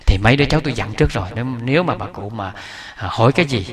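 Speaking very fast in an expressive mid-range voice, a man preaches a Buddhist sermon. He tells the story chattily, with many repetitive restarts and asides where he chuckles.

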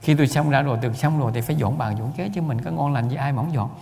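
A man with a Southern Vietnamese accent delivers a Buddhist talk at a quick clip, his voice gravelly and fry-laden. He rambles, stacks repeated words and chuckles as he tells stories. The sound hangs in a long hall reverb. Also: mid-range voice, a little mellow. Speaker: Buddhist lay teacher.

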